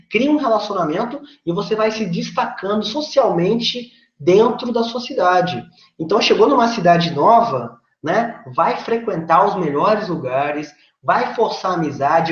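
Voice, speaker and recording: A man with a Brazilian Portuguese accent, a sales coach giving a casual video lesson while seated facing the camera, chatty and persuasive as he explains. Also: sits high. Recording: roomy dull lo-fi recording.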